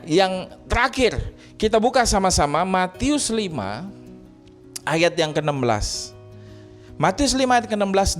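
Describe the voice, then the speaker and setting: A man preaching a sermon, telling everyday stories, joking, laughing and acting out bits of dialogue. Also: sits high. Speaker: pastor.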